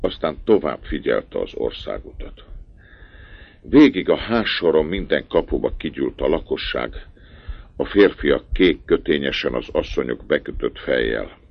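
A man reading a story aloud in a measured, expressive way with a gravelly voice. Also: a bass voice, dry recording. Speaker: narrator. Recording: dull dry lo-fi recording.

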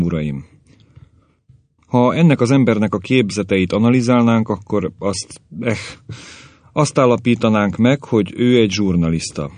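A man's voice: lowish voice, darkish tone, no room sound, close to an everyday voice. A man voicing a formal, precise professor who lectures his colleagues and runs a word-association test. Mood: dismissive. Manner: formal and instructive. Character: precise, dry male professor testing a subject.

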